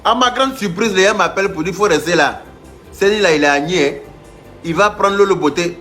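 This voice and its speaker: A man's voice: high voice, a little fast, a bit bright, faint music behind. Teasing man ranting on a live stream. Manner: mocking and teasing, with stammered restarts. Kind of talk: live-stream rant to viewers.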